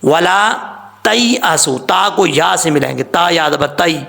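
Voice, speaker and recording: A man with a gravelly, slightly high voice gives a tajweed lesson on Quran recitation. He explains each rule patiently and warns against common mistakes. He speaks as a voice-over on a screen recording. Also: bright, forceful tone. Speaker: Quran teacher.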